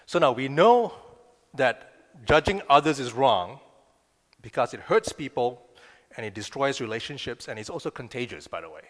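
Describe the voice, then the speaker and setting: A man's voice: medium pitch, sing-song, moderate pace. A man giving a sermon as a pastor. He talks in a conversational way and often checks in with "right?". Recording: long reverb of a big room.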